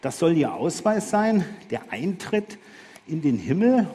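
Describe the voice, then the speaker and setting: A man's voice: a little high, big pitch swings, unhurried, mellow. A man doing a dry, stern gatekeeper saint in a hall. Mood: dismissive.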